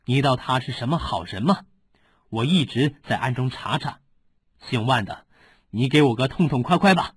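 A man's voice: mid-range voice, expressive, normal speed, husky, dry recording. A man voicing a bitter, cunning older swordsman who speaks with resentment.

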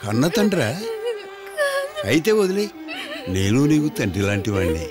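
A man's voice: fairly low pitch, big pitch swings, moderate pace, over loud music. Soothing fatherly man. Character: kindly man comforting a frightened blind girl. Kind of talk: dubbed film dialogue. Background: loud film score.

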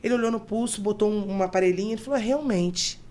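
Woman guest, mortuary teacher type, talks fast, explains terms plainly, crowd noise behind. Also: mid-range voice, dark tone. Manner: explains technical terms to listeners. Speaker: guest, mortuary and embalming instructor. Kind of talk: podcast storytelling.

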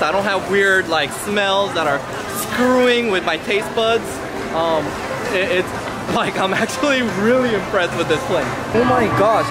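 A man in his thirties vlogging casually while walking through an indoor mall food market, filming at arm's length and talking excitedly with many fillers and restarts. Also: high-pitched, heavy background noise. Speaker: travel vlogger host. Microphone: handheld camera at arm's length.

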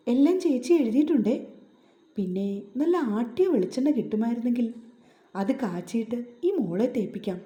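A woman's voice: on the high side, lively intonation, moderate pace, warm tone, close to an everyday voice. A woman voicing an older helper who explains postnatal care in a matter-of-fact way, in a roomy-sounding recording. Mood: instructive. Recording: roomy echo.

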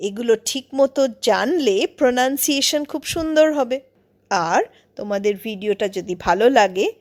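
A woman teaching English pronunciation, spelling out words letter by letter and reading the example sentences very slowly. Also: fairly high pitch. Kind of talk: slow, deliberate lesson narration.

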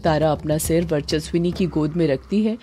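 A woman narrating a serialized horror story, reading the narration and the dialogue of all the characters in a steady tone. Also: low-pitched, normal speed, soft background music.

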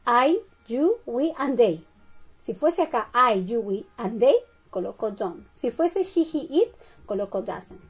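A woman English teacher giving a slow bilingual classroom lesson, drilling each phrase and checking in with "okay?" and "right?". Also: fairly high pitch, very animated, breathy edge. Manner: slow, deliberate drilling with frequent "¿ok?" and "¿verdad?" checks.

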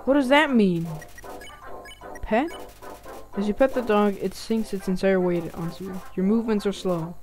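A woman hosting a casual let's-play, reading the game's text aloud between quick reactions. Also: medium pitch, darkish tone, soft background music. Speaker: gaming channel host.

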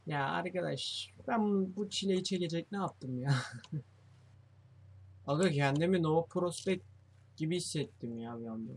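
A man's voice: on the high side, a little slow, pauses often, a little hiss or hum. A young man giving let's play commentary on a horror game, jumpy and swearing as he thinks aloud to his viewers. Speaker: gamer playing a horror game.

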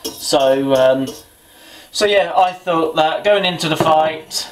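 The audio is poor, captured on a camera's built-in mic as a man with a higher-pitched voice talks boxing slowly while cooking. He's a vlogger rambling and muttering to himself in his small home kitchen.

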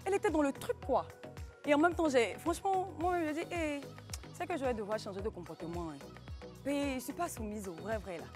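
A woman co-hosting a TV talk show, chatting in a lively, playful way. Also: sits high, fairly quick, music in the background. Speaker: co-host. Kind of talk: casual studio banter.

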